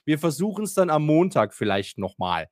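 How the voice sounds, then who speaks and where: A man with a fairly high voice tells a story at normal speed in casual chat, ranting animatedly, acting out quotes, swearing casually and using lots of fillers. The recording is clean studio sound with no room noise.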